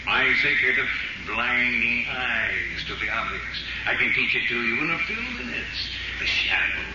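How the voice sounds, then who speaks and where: An actor playing a mysterious, self-assured invisible crime fighter, theatrical and taunting in a 1930s radio drama. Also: male voice, mid-range voice, normal speed, natural voice. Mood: stern, probing. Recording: very noisy, muffled, echoey 1930s radio recording.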